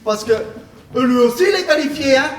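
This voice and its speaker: A man plays a humble, easygoing guard who is short of money. His voice sits high, and his talk is chatty and folksy. He sounds far from the mic in an echoing hall. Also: lively intonation, brisk. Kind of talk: amateur stage play performance. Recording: echoey stage hall picked up from afar.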